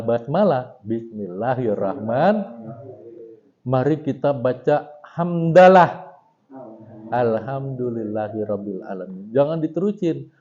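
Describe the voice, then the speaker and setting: A middle-aged man teaching a religious text, reciting Arabic lines slowly and then explaining them in casual talk. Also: mid-range voice, warm tone. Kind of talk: religious study lecture. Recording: dull lo-fi recording.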